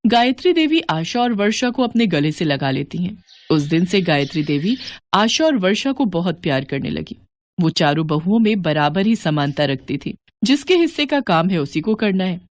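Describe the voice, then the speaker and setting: A woman narrating a family moral story in an even, measured storytelling manner. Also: lowish voice, no room sound.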